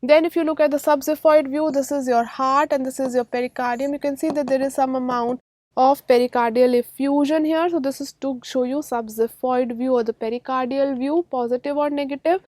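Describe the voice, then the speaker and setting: Speaking briskly in a high, steady, darkish voice, a radiology lecturer with an Indian accent delivers a medical exam-prep lecture on a dry recording. Her style is didactic and emphatic, repeating key terms and often checking that students are following.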